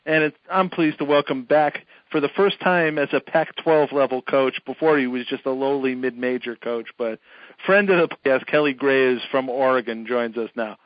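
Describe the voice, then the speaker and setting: A man's voice: medium pitch, steady tone, normal speed, no room sound, lo-fi sound. A man hosting a podcast interview, chatty and joking, with frequent laughs. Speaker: podcast host.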